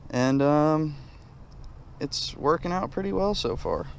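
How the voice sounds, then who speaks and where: A man's voice: fairly high pitch, big pitch swings, slow, gravelly. A young man from South Carolina giving casual, chatty commentary to his viewers while fishing from a kayak on a lake. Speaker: fishing vlogger. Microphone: head-mounted action camera. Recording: faint outdoor noise from an action camera.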